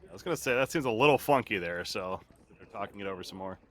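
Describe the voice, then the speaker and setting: An esports caster delivers live play-by-play on a game in a low, fast voice, getting excitable during the action and relaxing between rounds.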